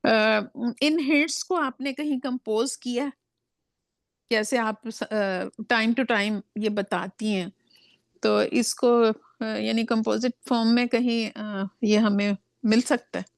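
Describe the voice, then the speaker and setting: A woman's voice: on the high side, fairly even intonation, slow pace, creaky, dry recording. A woman student asking her teacher questions, with some hesitation and fillers.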